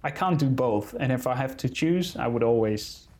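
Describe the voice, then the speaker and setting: A man's voice: medium pitch, lively intonation, moderate pace, darkish tone, slight background noise. A man who is not a native English speaker, answering interview questions in careful English and searching for words. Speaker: conservation photographer being interviewed.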